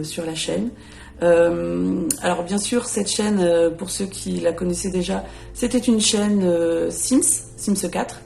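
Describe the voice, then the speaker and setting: A woman in her late thirties, a YouTuber, introduces herself and her channel while talking casually to camera. Her low, gravelly, dark-toned voice is hesitant and full of fillers and self-corrections, with a little hiss or hum in the audio.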